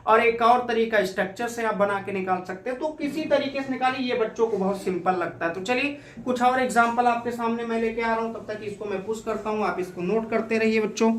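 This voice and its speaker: A man's voice: very high voice, fairly quick, few pauses, a bit bright. A male chemistry teacher coaxing his pupils through a lesson, asking questions and answering them himself. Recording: echoey room, recorded from a distance.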